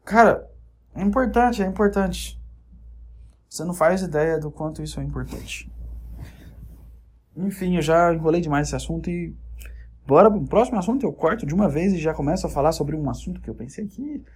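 A man's voice: on the high side, brisk, pauses often, a little hiss or hum. A man hosting a solo podcast, rambling and joking in a casual monologue that keeps interrupting itself. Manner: rambling, jokey, self-interrupting. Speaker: podcast host.

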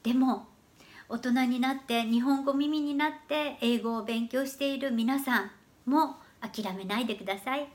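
A woman's voice: a little high, moderate pace. A woman giving an earnest, explanatory lesson about learning English pronunciation. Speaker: English teacher. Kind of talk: educational talk to camera.

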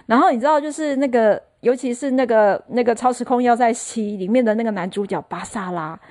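A middle-aged woman hosting a casual solo podcast, telling stories in a chatty, animated way. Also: on the high side, brisk, no room sound. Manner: chatty, animated storyteller who mimics others. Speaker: podcast host.

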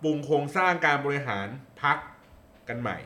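Bright-voiced man musing in an echoey room. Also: a little high, expressive, moderate pace. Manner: hesitant, thinking aloud with many fillers. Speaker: political commentator guest. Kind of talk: casual political chat.

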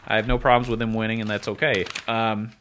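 A man's voice: lowish voice, level tone, fast talker, fairly bright tone, slight background noise. A man co-hosting a casual podcast, teasing his co-host with dry sarcasm over drinks at a desk mic. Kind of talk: casual chat. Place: studio room with mics, drinking bourbon on ice. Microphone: desk microphone.

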